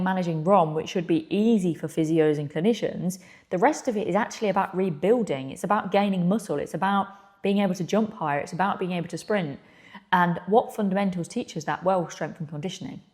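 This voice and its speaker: A woman with a slightly low voice speaks straight to the listener like a coach. She is blunt and emphatic, putting pointed rhetorical questions as she instructs. The room around her is echoey. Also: darkish tone. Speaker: physiotherapist and clinical mentor presenting. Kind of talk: direct-to-camera instructional talk. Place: echoey indoor space.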